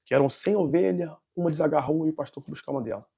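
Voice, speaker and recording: High, fast-talking nervous man. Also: creaky, mellow, breathy edge. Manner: rambling, with restarts and self-corrections. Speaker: interview guest giving a testimony. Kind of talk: personal testimony storytelling.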